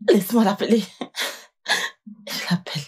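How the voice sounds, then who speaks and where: A woman's voice: mid-range voice, a little mellow, breathy edge. An actress dubbing a scheming mother who fakes frantic panic over her daughter. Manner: theatrical wailing, urgent. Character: scheming middle-aged mother faking panic. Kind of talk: dubbed film acting.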